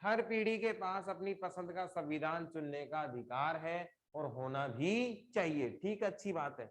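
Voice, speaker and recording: A middle-aged man teaching a live online class, explaining slowly with repeated examples and putting questions to his students. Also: a little high, lively intonation.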